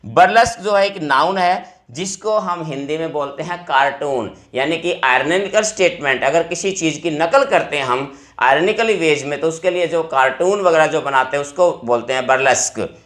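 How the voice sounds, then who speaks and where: A male teacher explaining vocabulary words to exam students, repeating each word slowly. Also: on the high side, fairly bright tone.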